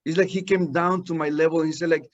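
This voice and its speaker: A man's voice: a little high, fairly even intonation, fast. Man sharing his testimony. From Guatemala. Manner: earnest storyteller, many fillers and restarts. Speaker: senior pastor, guest. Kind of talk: personal testimony in conversation. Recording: dull lo-fi audio.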